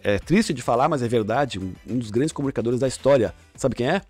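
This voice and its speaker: A man's voice: medium pitch, lively intonation, fast, darkish tone, slightly rough, faint music behind. A middle-aged man, a podcast guest coaching on communication, explaining with examples and frequent restarts. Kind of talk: casual podcast chat.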